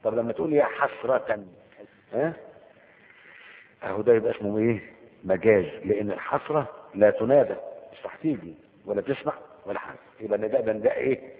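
Egyptian teacher asking and answering himself. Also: male voice, on the low side, fast, in a large hall, narrow, tinny audio. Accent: Egyptian Arabic. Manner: asks the class questions and answers them himself. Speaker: Arabic grammar teacher. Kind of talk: colloquial lecture with Quranic quotes.

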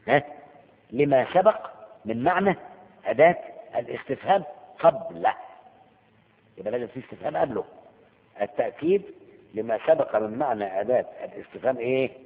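A man with an Egyptian accent giving a lecture on Quranic rhetoric, asking his listeners rhetorical questions and acting out stories dramatically. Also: medium pitch. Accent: Egyptian Arabic. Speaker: religious teacher. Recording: tinny phone-like sound with long hall reverb.

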